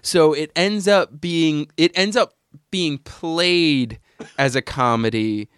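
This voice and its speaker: A man's voice: a little high, slow, fairly bright tone, clean tone, no room sound, studio quality. A man hosting a casual film discussion podcast, joking around and laughing often as he talks. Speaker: podcast host.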